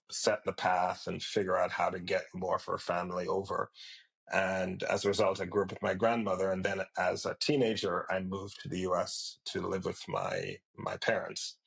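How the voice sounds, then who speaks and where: A middle-aged man from Jamaica with a very deep voice and a gravelly texture. He answers interview questions as a company founder. His speech is measured and reflective, dotted with fillers. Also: fairly bright tone, low-quality recording. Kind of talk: podcast interview.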